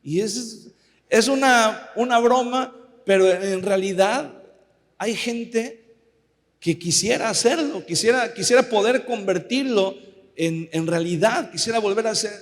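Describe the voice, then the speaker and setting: High-voiced pastor preaching in a reverberant church. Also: male voice, measured pace. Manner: conversational preaching, keeps asking listeners for agreement. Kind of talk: sermon. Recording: long reverb of a church hall.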